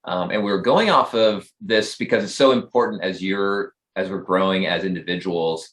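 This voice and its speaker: A man's voice: sits low, normal speed, a bit bright. A male life coach co-hosting a faith podcast, talking thoughtfully and rambling with many fillers. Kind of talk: casual faith-based podcast talk.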